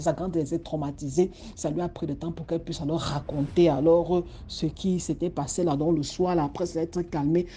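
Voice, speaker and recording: Une femme à l'camerounais qui raconte une histoire mystique sur un ton familier, avec beaucoup de répétitions et de reprises. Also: female voice, deep voice, slight background noise. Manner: animated, many restarts and repetitions. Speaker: storyteller. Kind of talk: casual spoken storytelling.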